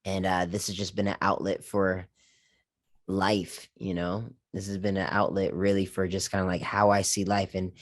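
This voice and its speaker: A man's voice: low voice, little pitch movement, normal speed. A man who grew up in Japan, telling stories casually as a podcast guest, easygoing with many fillers. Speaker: guest content creator. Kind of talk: relaxed podcast conversation.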